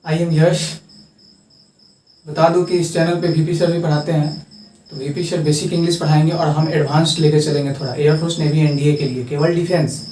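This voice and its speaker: A young man teaching English grammar as a tutor, repeating terms slowly and stressing how they are pronounced. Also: on the high side, level tone, dark tone, a little hiss or hum. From India. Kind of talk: classroom lesson at a board. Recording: echoey room, distant mic, faint crickets.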